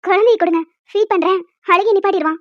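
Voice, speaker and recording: A woman voicing a calm, experienced woman in a cartoon who explains things briskly and plainly. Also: very high voice, no echo, muffled recording. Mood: matter-of-fact. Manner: brisk, matter-of-fact explaining. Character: calm experienced woman sent to feed the baby. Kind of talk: cartoon voice acting.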